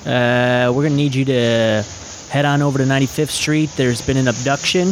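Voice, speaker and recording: A man's voice: medium pitch, steady tone, a little fast, background noise, lightly acted. A man playing a businesslike police dispatcher, calling cars in a clipped, taxi-dispatcher manner in an improvised comedy scene. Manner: clipped taxi-dispatcher style radio calls. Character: businesslike male police radio dispatcher named Carl.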